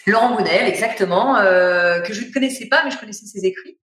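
A woman's voice: mid-range voice, brisk, fairly bright tone, reverberant. A woman from France, an author, speaking as a guest in a casual interview from home and talking in a reflective way with many hesitations. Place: at home during lockdown.

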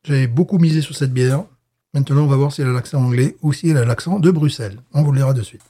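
A man's voice: medium pitch, fast talker, dark tone, breathy edge. A man co-hosting a casual beer-tasting podcast chat, talking hesitantly with frequent restarts and fillers. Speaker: podcast co-host.

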